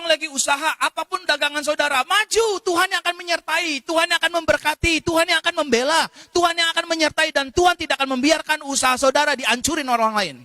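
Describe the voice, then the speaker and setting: A man preaching a sermon as pastor, impassioned and direct, sometimes slipping into slow sung prayer. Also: very high voice, pushed and bright, no echo.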